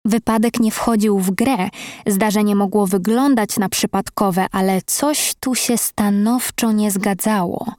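A woman's voice: mid-range voice, fairly even intonation, measured pace, darkish tone, dry recording, studio quality. Woman reading a first-person audiobook. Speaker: audiobook narrator.

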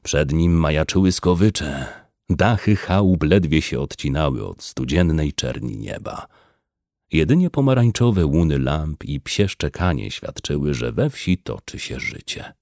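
Gravelly, slow-paced male narrator. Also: rumbling low, no echo, clean studio sound. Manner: lively storytelling, shifting into character voices. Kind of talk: audiobook narration.

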